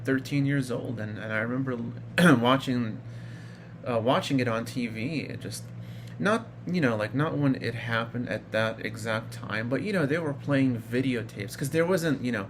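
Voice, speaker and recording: At normal speed and medium pitch, a thirty-something Iraqi man tells his own story for his vlog. The telling is casual and rambling, packed with fillers and restarts, and there's slight background noise.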